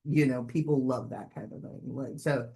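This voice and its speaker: A man's voice: medium pitch, moderate pace, creaky. A man, a real estate agent, chiming in casually during a training session, rambling with lots of "like" and "you know". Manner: relaxed, rambling, filler-heavy.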